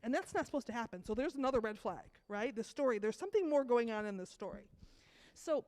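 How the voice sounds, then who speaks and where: A woman with a cold giving a children's sermon, telling a story to kids with lively asides and questions. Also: fairly high pitch, quick pace. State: has a cold. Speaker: children's message leader.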